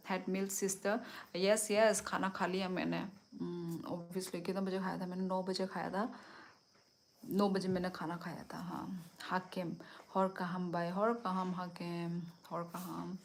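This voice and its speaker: A young woman hosting a casual livestream, chatting with her viewers and answering their comments as she switches between languages. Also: lowish voice. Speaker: livestream host.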